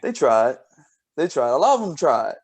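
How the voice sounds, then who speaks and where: A man co-hosting a casual podcast, telling stories with lots of laughter and restarts, and dropping low and quiet when he quotes himself. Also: very animated, normal speed, slightly rough. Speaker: podcast co-host, scientist. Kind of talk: casual storytelling chat.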